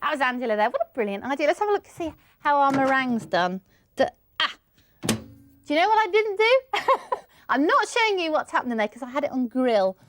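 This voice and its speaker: A woman's voice: sits high, sing-song, fairly quick, a bit bright. A woman presenting a live cooking demonstration on a shopping channel, laughing at her own slip-ups. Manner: laughing, self-mocking.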